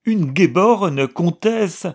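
A man voicing a proud, distraught noble widow who wails and sobs out her grievances in high-strung outbursts. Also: normal speed, darkish tone, breathy edge, close to an everyday voice. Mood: wailing.

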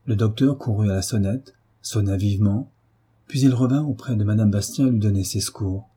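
A man narrating an old novel as an audiobook, in a measured, solemn storytelling manner. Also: lowish voice, dark tone, slightly rough. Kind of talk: audiobook reading of a 19th-century novel.

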